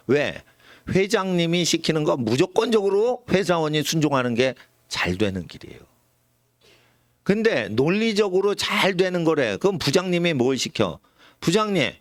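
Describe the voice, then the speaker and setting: A man, a pastor, preaching a sermon in a lively way, sometimes acting out the voices of the people he quotes. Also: a little high, dry recording, clean studio sound. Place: church sanctuary.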